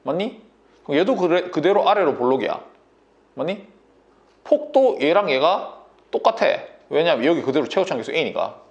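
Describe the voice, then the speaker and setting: A man's voice: fairly high pitch, sing-song, moderate pace, lo-fi sound. A man tutoring math at a whiteboard, talking bossy and casual and checking understanding constantly with a sore throat.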